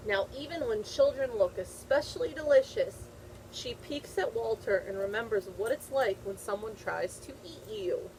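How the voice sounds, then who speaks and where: A woman's voice: on the high side, normal speed, a little mellow, a little hiss or hum, poor audio. A woman teacher reading a picture book aloud to young children, repeating phrases and checking in with simple questions.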